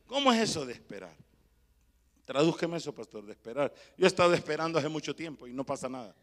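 A man's voice: on the high side, animated, fast, long reverb tail, pitched below the performer's own voice, natural voice. A preacher voicing an impatient male churchgoer who questions him with complaints. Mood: doubtful.

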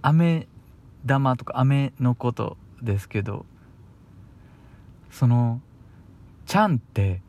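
A man's voice: mid-range voice, lively intonation, slow, pauses often, a little mellow. A young man with a Kansai accent chatting alone on the radio in a casual, rambling way, sounding a little bashful and chuckling between thoughts. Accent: Kansai Japanese. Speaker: radio host. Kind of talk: casual solo radio talk.

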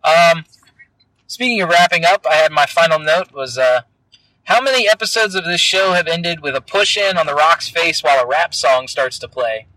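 A young man co-hosts a podcast from the seat of a moving car, recording straight into a laptop mic. His voice sits a little high and sounds strikingly bright and forward. He rambles in loose, joking chat that drifts into crude humor. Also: animated, normal speed, no echo, low-quality recording. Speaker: podcast co-host. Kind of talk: casual chat. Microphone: laptop microphone.

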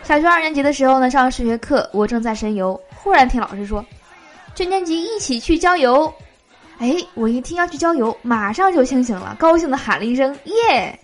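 Lively woman host reading jokes. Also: sits high, quick pace, hardly any pauses. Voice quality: lively, laughs at her own jokes.

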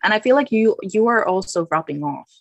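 Young woman with a gravelly, creaky voice. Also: mid-range voice, expressive, a little fast, dry recording. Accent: American-tinged English. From Luxembourg. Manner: chatty, laughing, heavy use of "like". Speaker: podcast guest. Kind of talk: casual chat.

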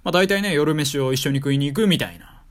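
A young man in his twenties with a Kansai accent, telling a story in a wry, joking way on his stream. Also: quick pace. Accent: Kansai Japanese. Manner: wry, joking, animated delivery with big pitch swings. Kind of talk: casual storytelling monologue.

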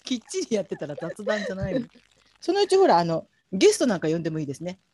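A woman in her forties co-hosting a casual chat podcast, playful and quick to laugh. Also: medium pitch, sing-song, warm tone. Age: 40s. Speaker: podcast co-host.

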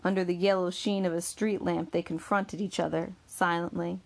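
Gravelly woman narrating a novel. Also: lowish voice. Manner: measured, steady storytelling. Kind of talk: scripted audiobook narration.

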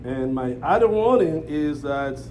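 Speaking English as a non-native language, a Congolese man with a matching accent preaches as a guest pastor, repeating phrases and drawing amens from the congregation during prayer. His voice is on the high side, expressive and unhurried, and the noisy live church recording has its highs cut off.

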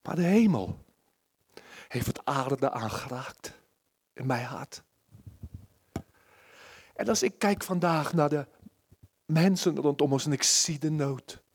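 A man preaching a sermon at a church service, impassioned, moving between loud pleading and hushed near-whispers. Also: a little high, expressive, slow pace, pauses often, slightly rough.

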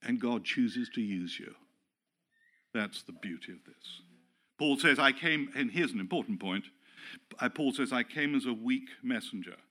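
Bright-voiced older English preacher, chatty. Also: male voice, medium pitch, animated, moderate pace. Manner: chatty, self-deprecating storyteller who acts out quotes. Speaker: pastor. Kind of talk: sermon.

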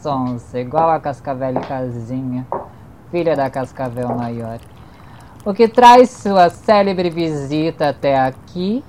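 A woman's voice: rumbling low, animated, slow pace, warm tone, exaggerated voice. A woman playing a haughty, sardonic, sadistic vampire in a radio soap opera, with a disdainful theatrical delivery. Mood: scornful. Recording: faint background noise.

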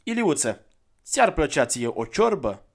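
A man voicing a gentle, weary traveler who is kind and coaxing, in a soft, slightly lifted voice. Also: fairly high pitch, sing-song, voice pushed up.

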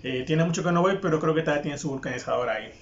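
A young Mexican man tells a casual anecdote in a very fast, fairly high voice, crude, profane and mocking, and laughing often. The recording is lo-fi and dull, made in an echoey room.

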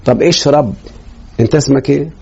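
A man's voice: medium pitch, quick pace, vocal fry, darkish tone. A man with an Egyptian Arabic accent teaching a grammar lesson in a classroom, quizzing students with rhetorical questions. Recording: dull lo-fi recording.

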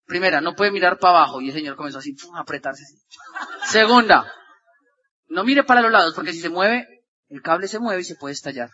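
A man giving an energetic motivational talk, swinging from loud shouts to low murmurs as he acts out dialogue. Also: a little fast, big-room sound, dull audio. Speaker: motivational speaker.

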